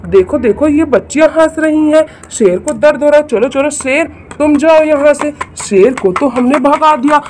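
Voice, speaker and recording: High-voiced woman narrating a doll play. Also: moderate pace, few pauses, darkish tone, slight background noise. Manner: exclaiming, repeats "look, look" and "very good"; addresses children directly. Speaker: storyteller for a toy channel.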